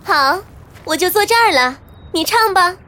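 A woman's voice: very high-pitched, lively intonation, normal speed, bright, forceful tone, slight background noise, heavily acted. A woman voicing a nosy, jealous three-eyed girl in a children's audio story, bossy and tattling. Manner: tattling and smug.

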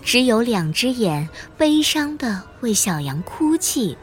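A woman narrating a children's audio story, with slow, expressive storytelling. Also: fairly high pitch, soft background music.

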